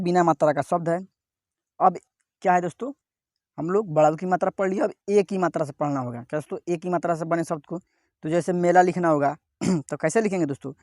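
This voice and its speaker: A male teacher giving a step-by-step reading lesson, sounding out each syllable slowly and repeatedly asking his viewers "what, friends?". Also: high-pitched, darkish tone, no echo, studio quality.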